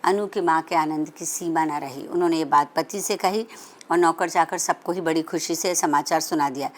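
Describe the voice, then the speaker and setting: A woman's voice: low voice, fairly even intonation, moderate pace. A woman reading a literary story aloud, with conversational asides and frequent self-corrections.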